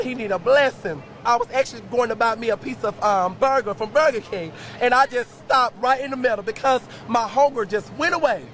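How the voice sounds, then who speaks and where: A man's voice: very high voice, a bit bright. A man giving a theatrical, colloquial eyewitness account in a street interview. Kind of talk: dramatic street interview storytelling.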